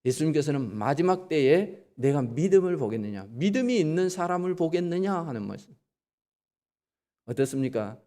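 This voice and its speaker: A man's voice: fairly high pitch, animated, moderate pace, mellow, in a large hall. A male pastor giving a sermon in a church, talking conversationally, asking the congregation questions and acting out quoted lines. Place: church sanctuary.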